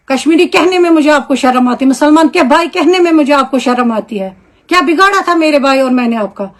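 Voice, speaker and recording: Woman, Kashmiri accent, high-pitched, indignant scolding, rhetorical questions, angry video statement. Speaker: homemaker and mother.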